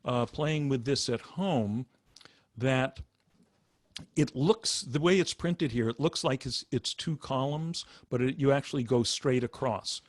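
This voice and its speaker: Male meditation teacher, slow and patient, mid-pitched, dry sound. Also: no room sound. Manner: unhurried, patient explaining. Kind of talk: instructional talk.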